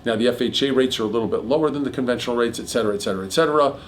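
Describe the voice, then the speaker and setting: A middle-aged man hosting a casual chat about mortgages, explaining figures quickly with a jokey manner. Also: medium pitch, slight background noise. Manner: rapid, jokey, piles on figures. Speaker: mortgage broker host.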